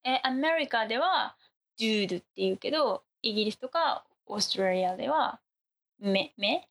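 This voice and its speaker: Woman learning english, a bit breathy and fairly high, repeats words back to check them. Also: lively intonation, fast, fairly bright tone. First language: Japanese. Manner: curious, repeats words back, mixes in Japanese. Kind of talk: casual lesson chat.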